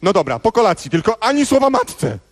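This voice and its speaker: A man's voice: sits high, sing-song, fairly quick, exaggerated voice. A man playing Robert, a reluctant would-be quitter who answers evasively and hesitantly, in a radio comedy sketch.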